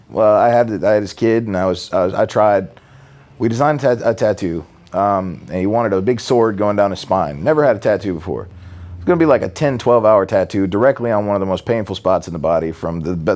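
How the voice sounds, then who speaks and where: A tattoo artist, a man, telling a funny story about a client in a relaxed, rambling way. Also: fairly low pitch, a little fast. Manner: relaxed and rambling, with many restarts and fillers. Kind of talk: casual storytelling.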